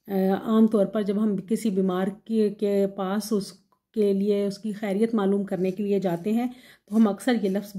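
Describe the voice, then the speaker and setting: A woman's voice: medium pitch, mellow. A woman giving a pronunciation lesson, setting each mispronounced word beside its correct form and then explaining what it means. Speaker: language teacher.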